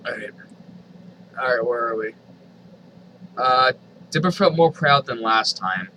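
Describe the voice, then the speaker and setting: Over a low-quality recording with a little hiss or hum, a man with a bright, forceful mid-range voice dramatically reads online fan fiction aloud. He peppers it with exasperated, sardonic comments and curses freely.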